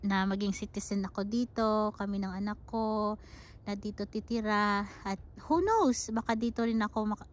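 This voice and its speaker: Middle-aged woman from the Philippines, fairly high voice, chatty and heartfelt vlogger, slightly muffled outdoor recording. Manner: heartfelt, chatty, mixes English into her talk, laughs often. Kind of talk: casual personal vlog talk. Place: outdoors at a snowy dog park. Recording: slightly dull, faint outdoor noise.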